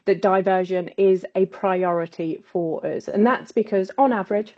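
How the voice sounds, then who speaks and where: A woman's voice: mid-range voice, moderate pace. A woman chairing an online panel whose audio keeps cutting out on a bad connection. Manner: warm, eager welcoming tone. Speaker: webinar chair. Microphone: video call. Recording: dull lo-fi video call audio.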